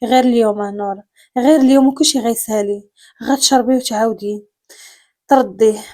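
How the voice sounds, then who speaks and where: A woman's voice: on the high side, fairly quick, darkish tone, close to an everyday voice. Narrator doing a frightened, hesitant young woman; Moroccan accent, storybook. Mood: nervous. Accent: Moroccan Arabic. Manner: hesitant, pleading. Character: frightened young woman, proud but desperate.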